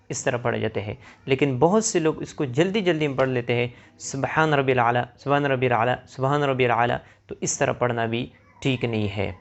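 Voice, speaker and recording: A man teaching viewers how to pray correctly, demonstrating recited phrases slowly and carefully. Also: medium pitch, highs cut off. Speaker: religious teacher. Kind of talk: explaining prayer rules to viewers.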